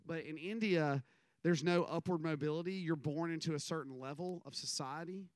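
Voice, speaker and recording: A man in his thirties delivers a conversational sermon, wandering through stories and poking fun at himself. His voice sits a little high and sounds smooth and clear. The recording is dry and close, with no room sound around him. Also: moderate pace, no echo. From American South. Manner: rambling storytelling with self-deprecating asides. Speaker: minister.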